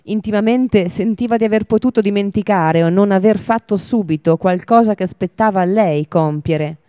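A woman reads a fairy tale aloud for a radio broadcast. Her reading is steady and measured, and her voice is mellow and smooth. The sound is close and dry. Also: mid-range voice, dry recording. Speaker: storyteller.

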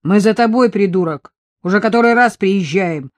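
The audiobook reader voicing an older male hospital orderly who talks roughly and bluntly. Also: mid-range voice, moderate pace, no echo, lightly acted.

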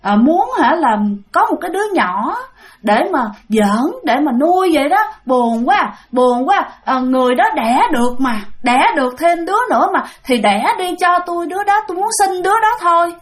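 Lady putting on a high whiny ghost woman, begging in a sing-song for a baby, told as a spoken ghost story. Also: fairly quick. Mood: mournful. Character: pleading female ghost stealing a baby.

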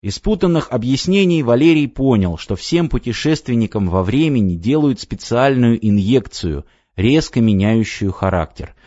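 A man narrating an audiobook in an expressive reading style. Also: mid-range voice, normal speed, hardly any pauses, no room sound. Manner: expressive, voices the characters. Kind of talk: scripted narration. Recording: dry, slightly dull audiobook recording.

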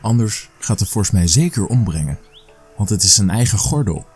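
A man's voice: fairly low pitch, lively intonation, a little mellow, slightly rough, soft background music. A man voicing a clever small male mouse deer trickster, cunning and pleading, in a storybook reading. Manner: pleading, cunning and quick-witted.

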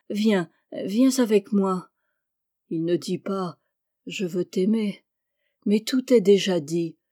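Woman narrator, literary story reading, gentle, measured, unhurried, warm tone. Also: medium pitch.

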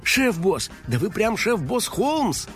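Man playing a high, eager lady house-spirit sidekick, obedient, admiring, storybook tale. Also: sing-song, a little slow, a bit bright, soft background music.

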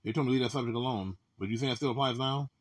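Man, rapid talker, middle pitch, stammering restarts, repeats his questions, casual conversation. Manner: repetitive, keeps asking "you know what I meant?"; halting, many restarts and stammers. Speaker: son talking with his mother.

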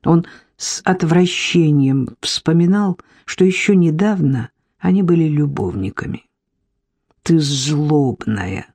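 Female audiobook narrator; low, husky, lively intonation, unhurried. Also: no room sound. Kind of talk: scripted narration.

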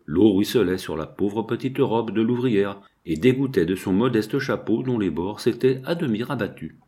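A man with a fairly low voice narrates a first-person literary audiobook. His reading is measured and expressive, with shifts of tone between phrases.

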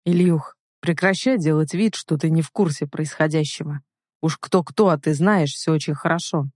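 A man plays a domineering, possessive young man who speaks slowly and forcefully. His voice stays close and dry. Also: a little high, no room sound, natural voice. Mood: angry. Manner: forceful, slow and loud.

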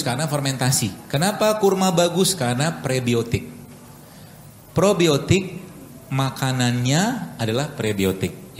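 Joking doctor in an echoey hall. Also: male voice, on the high side. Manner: joking, chatty, audience-engaging. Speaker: doctor giving a health talk. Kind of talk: live health talk with cooking demo. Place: large hall with live audience. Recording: echoey hall with room noise.

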